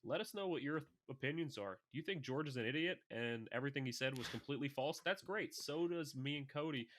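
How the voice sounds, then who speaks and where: A young adult man co-hosting a casual fantasy football podcast, talking in an animated, excitable way. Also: mid-range voice, quick pace. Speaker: podcast co-host.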